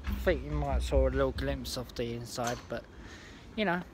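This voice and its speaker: A young man vlogging on a railway platform, talking in a halting, rambling way with many restarts, into a phone held at arm's length. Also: mid-range voice, noisy background. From England. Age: young adult. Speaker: trainspotting vlogger. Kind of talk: casual handheld vlog. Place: outdoor railway station platform.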